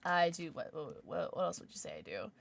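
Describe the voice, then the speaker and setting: A young adult woman chatting casually on a gaming livestream in a cute, bubbly, animated, exclamatory manner with playful slang. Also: fairly low pitch, brisk, creaky. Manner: animated, exclamatory, swinging from murmurs to squeals. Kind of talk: casual livestream chat over gameplay.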